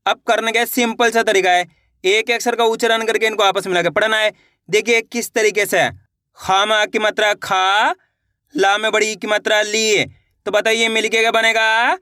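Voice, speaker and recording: A man teaching children to read, sounding out syllables slowly and asking the learners questions to keep them along. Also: bright, forceful tone, dry recording, clean studio sound. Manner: slow syllable-by-syllable reading, then repeats the word lower; encouraging, asks learners questions. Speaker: Hindi reading teacher. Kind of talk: online reading lesson.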